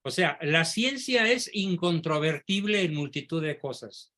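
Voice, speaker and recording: A man teaching in a class discussion, speaking with firm, assertive emphasis. His voice is bright and edged and sits a little high for a man. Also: lively intonation, unhurried. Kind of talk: lecture with student questions.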